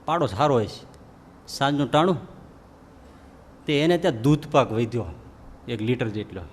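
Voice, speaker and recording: A monk preaching a devotional sermon, telling a story and acting out its characters with lively changes of voice. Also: male voice, mid-range voice, moderate pace, slight background noise. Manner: lively storyteller who acts out quoted characters. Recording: long hall reverb.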